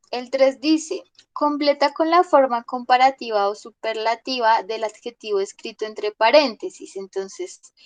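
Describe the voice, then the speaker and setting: Slow, patient woman English teacher. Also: fairly high pitch, no echo. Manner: patient, checks in with "listo?" often. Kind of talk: online class explanation.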